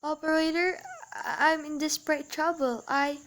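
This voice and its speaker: A woman's voice: high-pitched, steady tone, normal speed, sharp tone. A teen girl playing a fretful, demanding invalid woman. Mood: frightened. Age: teens. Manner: fretful, insistent, rising to panic. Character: nervous, demanding bedridden woman alone at night. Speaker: student actor. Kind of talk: school radio play.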